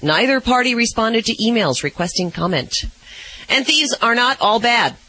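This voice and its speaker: A woman's voice: on the high side, expressive, moderate pace, sharp tone, dry recording, poor audio. A woman reading scripted light news stories as a radio reporter.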